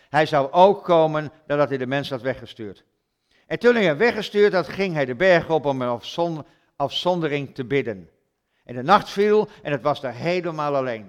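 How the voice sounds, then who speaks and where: A man's voice: on the high side, smooth. A man preaching a sermon in a church, retelling stories conversationally with rhetorical questions.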